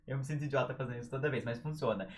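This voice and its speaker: A man's voice: mid-range voice, quick pace, noisy background. A young man from Brazil with a Brazilian Portuguese accent, teaching a casual live-stream writing lesson in a playful, joking way and stretching out syllables for emphasis. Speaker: writing tutor.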